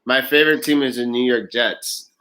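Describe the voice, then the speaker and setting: A man's voice: medium pitch, moderate pace, bright, forceful tone. A man hosting a live stream in casual chat, teasing his co-host in playful banter. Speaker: host of the channel.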